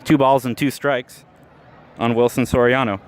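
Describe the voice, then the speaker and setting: Speaking at normal speed in a steady, medium-pitched voice, a man broadcasts a baseball game on radio from an outdoor ballpark. He calls the plays live in brief, clipped phrases as they happen.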